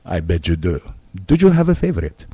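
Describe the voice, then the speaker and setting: A man's voice: deep voice, big pitch swings, mellow, husky, dry recording, heavily acted. A man playing a suave, pompous Latin male talk show host with a put-on Spanish accent in a comedy radio sketch. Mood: smooth. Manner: pompous, slow and self-assured.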